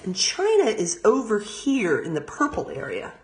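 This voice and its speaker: An American woman with a mid-range voice reads aloud from a storybook, teacher-style, for young children. Expressive throughout, she pauses here and there to explain things simply.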